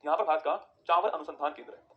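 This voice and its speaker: High, fast-talking teacher. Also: male voice, steady tone, muffled recording. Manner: quick, repetitive questions to students, then answers them himself. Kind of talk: online exam-prep geography lesson.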